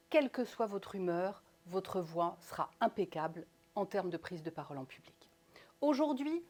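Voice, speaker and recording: This woman's mid-range voice carries a public speaking lesson in an instructional video. Her articulation is crisp, and her intonation is lively with strong stress.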